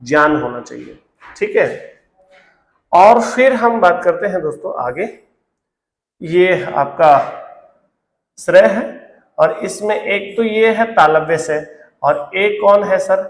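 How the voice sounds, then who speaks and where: High-voiced male teacher in echoey room. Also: animated, slow pace, pauses often. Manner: repeats key words, quizzes viewers with questions. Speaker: Hindi grammar teacher. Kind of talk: classroom-style lesson to camera.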